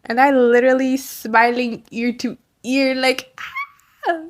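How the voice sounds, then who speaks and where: Gushing, excitable woman with a dry sound. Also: high-pitched, a little slow, no room sound. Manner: gushing, excitable, slang-heavy, laughs often. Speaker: commentary host. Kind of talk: casual movie commentary.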